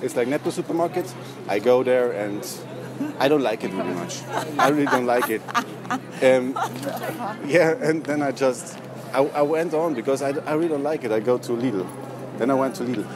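A man's voice: medium pitch, normal speed, a crowd in the background. A young man telling long-winded, pointless stories to passersby, full of fillers and carrying on over interruptions. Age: young adult. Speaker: street prankster. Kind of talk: rambling, deliberately pointless storytelling to passersby. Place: outdoors on a busy city street. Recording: noisy busy street, traffic ambience.

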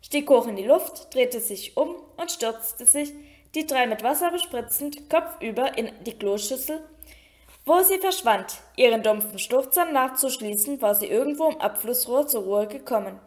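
A woman reading a novel aloud as an audiobook, steady storytelling with small slips. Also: fairly high pitch, moderate pace. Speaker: audiobook reader.

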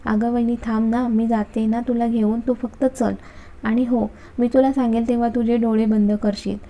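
A woman voicing an outspoken, sharp-tongued young sister who speaks bluntly. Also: a little high, little pitch movement, normal speed, highs cut off, close to an everyday voice. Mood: cheerful. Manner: blunt, scolding.

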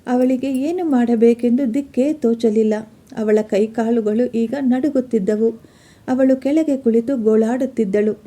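A woman narrating a scripted moral story in a steady, plain reading voice. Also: on the high side, measured pace.

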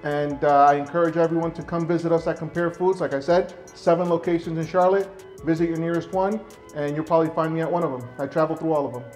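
A man's voice: fairly high pitch, fairly even intonation, quick pace, a little mellow, soft background music. A middle-aged man speaking as a guest on a TV show, earnest and sincere, on a lapel mic in a studio. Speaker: guest, supermarket CEO. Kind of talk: TV interview answers. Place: TV studio set.

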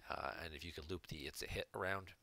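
Deep-voiced man analyzing card game plays. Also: fast, vocal fry, pushed and bright. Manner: analytical, explains plays step by step. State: hiccups. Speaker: game reviewer. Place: home room.

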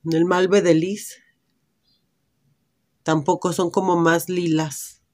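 A woman's voice: fairly low pitch, flat delivery, slow pace, darkish tone. A woman with a Mexican accent, chatting casually and thinking aloud while she tries on lipsticks at home. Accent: Mexican Spanish. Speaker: beauty vlogger. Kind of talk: casual lipstick try-on vlog. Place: indoors at home, natural light.

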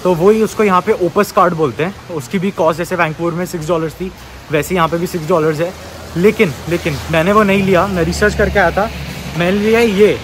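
A man in his early twenties with an Indian accent and a high voice chats casually as a travel vlogger, mixing in English words. He records on a phone held at arm's length, with noisy background sound.

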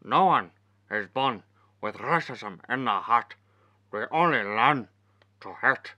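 A brash, leering hotel owner in a comedy sketch, a man playing him with a put-on Scottish accent. The voice is bright and forceful and swings widely in pitch. It is recorded dry and close. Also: expressive, slow pace, dry recording. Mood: jolly. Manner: loud, jolly and leering.

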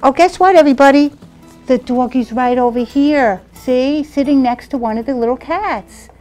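A woman's voice: sits high, normal speed, a little mellow, soft background music. A woman hosting a children's show, reading a picture book aloud and cheerfully asking the children questions.

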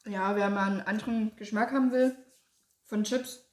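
A woman's voice: medium pitch, steady tone, moderate pace. A woman, talking casually as co-host of a tasting video. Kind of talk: casual chat. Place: domestic room indoors. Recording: roomy echo, clear background noise.

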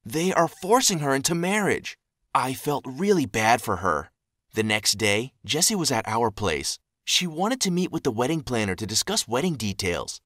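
Young male narrator, animated and expressive, dry close recording. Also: mid-range voice, moderate pace, dry recording. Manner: animated, voices quoted people. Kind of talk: scripted narration.

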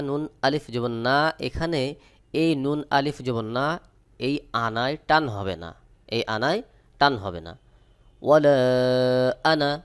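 Bangladeshi guy teaching quran reading, spells it out then chants slow, smooth clear voice. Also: mid-range voice. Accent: Bangladeshi Bengali. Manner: slow, drawn-out chanted recitation between plain explanations. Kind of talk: spelling-out Quran recitation lesson.

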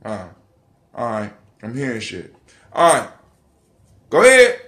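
Speaking into a phone or webcam held at arm's length in a dim living room, this middle-aged American livestream host delivers a casual, conversational monologue. He swears offhandedly and repeats phrases for emphasis, his mid-range voice swooping wildly in pitch, a little slow and a bit bright.

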